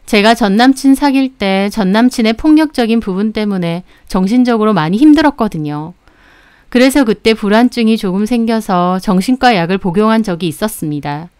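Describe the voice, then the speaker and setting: A woman who owns a cake shop, calmly narrating a scripted story about her own experience in a steady way. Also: mid-range voice, brisk, smooth, no room sound, clean studio sound. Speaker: bakery owner telling her story.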